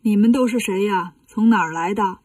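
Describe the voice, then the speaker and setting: A woman's voice: medium pitch, fairly quick, darkish tone, dry recording, distant mic, pitched below the performer's own voice, lightly acted. A woman voicing a male monster posing as a king, suspicious and defiant.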